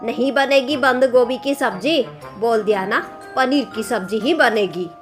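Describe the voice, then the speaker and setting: A woman voicing a bossy, quarrelsome older mother-in-law in a cartoon story, scolding and sharp-tongued. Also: on the high side, measured pace, natural voice. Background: background music.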